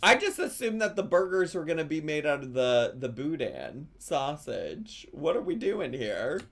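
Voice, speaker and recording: A man in his thirties gives casual comedic reaction commentary, sounding mocking, expressive and incredulous. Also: on the high side, normal speed, gravelly. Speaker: streamer reacting to videos. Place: small indoor room, streaming on camera.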